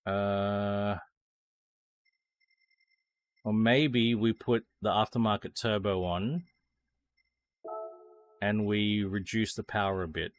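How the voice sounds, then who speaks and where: A man with an Australian accent streaming a racing sim, thinking aloud as he tunes a car and chatting with viewers, swearing now and then. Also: on the low side. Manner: swears casually. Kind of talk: casual live-stream commentary.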